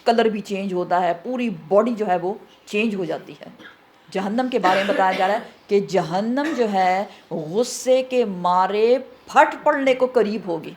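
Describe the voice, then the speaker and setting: A woman's voice: mid-range voice, darkish tone, slight background noise. A woman explaining Quran verses in a lesson, asking questions and answering them herself, with English words mixed into her speech. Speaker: Quran teacher.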